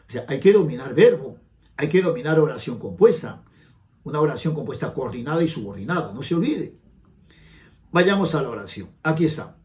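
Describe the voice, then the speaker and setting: A man's voice: on the high side, a little mellow. A Peruvian man with a Peruvian Spanish accent, teaching a grammar lesson for an admission exam and asking the viewers rhetorical questions. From Peru. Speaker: language teacher.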